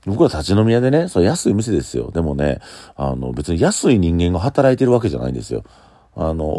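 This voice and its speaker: Kansai bar owner, man, very low and fast, blunt solo talk, dry close recording. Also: warm tone, no echo. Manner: blunt, opinionated.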